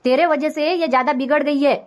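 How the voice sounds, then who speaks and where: A scolding, high-voiced cartoon mother-in-law who complains without pause, as a woman voices her. She is a middle-aged village matriarch, bossy and aggrieved. The tone stays sharp with nagging. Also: fairly even intonation, close to an everyday voice.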